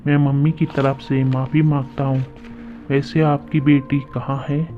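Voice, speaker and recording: An irritable young groom complains in a flat, slow voice, played by a man. The audio is thin and phone-like, with soft music underneath. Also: mid-range voice, close to an everyday voice. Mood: irritated. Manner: complaining, impatient.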